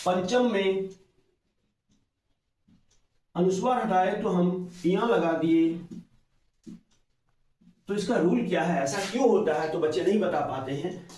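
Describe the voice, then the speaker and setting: A man's voice: high voice, a little mellow, a little hiss or hum. A man giving a grammar lesson as a teacher, explaining step by step and answering his own questions. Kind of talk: classroom-style grammar lesson. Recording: very echoey room, voice from far off.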